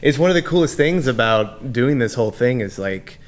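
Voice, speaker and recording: A man from Texas talking as a guest chef on a podcast, relaxed, with frequent laughs and fillers. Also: mid-range voice, moderate pace, slight background noise. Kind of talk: casual podcast chat.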